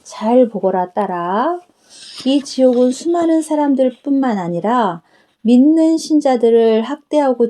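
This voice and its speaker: In a fairly high voice with a dark tone, a woman preacher speaks as Jesus. She gives him a gentle, tender, solemn, fatherly male divine voice as he instructs her.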